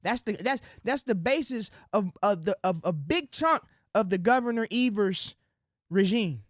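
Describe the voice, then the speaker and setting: A man's voice: sits high, lively intonation, unhurried, no echo. Man, political monologue, preachy, slangy, dry close sound. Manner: preachy, street slang, addresses audience as ladies and gentlemen; drops into soft sweet-talk voice when acting out quotes. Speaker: political commentary host. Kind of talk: direct-to-camera political monologue.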